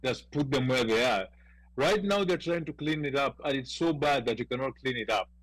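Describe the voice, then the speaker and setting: A man's voice: mid-range voice, moderate pace, a bit bright, no echo, rough recording. A man with a Kenyan accent in a casual panel discussion, talking emphatically and repeating words as he presses a point.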